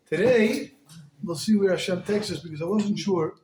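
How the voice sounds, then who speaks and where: A high-pitched man teaching a Torah class, lively and animated as he talks. He folds Yiddish and Hebrew terms into his English. The room around him is roomy and echoey. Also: normal speed, a little hiss or hum. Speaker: rabbi.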